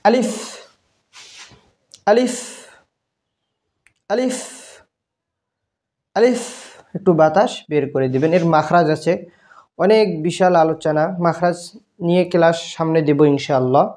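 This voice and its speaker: A man teaching Arabic letter pronunciation, slowly repeating each sound many times in a patient, instructive drill. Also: a little high, darkish tone. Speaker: Quran teacher. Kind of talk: slow repetitive letter drill.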